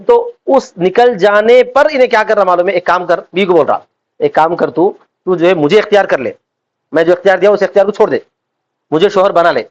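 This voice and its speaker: A man teaching a religious law class, constantly asking his students whether they follow and acting out quoted speech. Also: sits high. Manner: asks students constant check questions; acts out quoted speech in everyday voices. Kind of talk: classroom lecture on Islamic law. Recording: dull lo-fi lecture recording.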